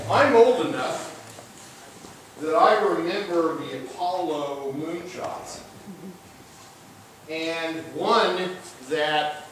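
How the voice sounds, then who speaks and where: A man's voice: on the high side, fairly bright tone. Echoey older man. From Ozarks, southern Missouri, US. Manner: folksy, halting delivery with pauses. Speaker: college professor, guest lecturer. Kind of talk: informal public lecture. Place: large indoor lecture room, recorded from afar. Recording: very echoey room, distant mic, faint noise.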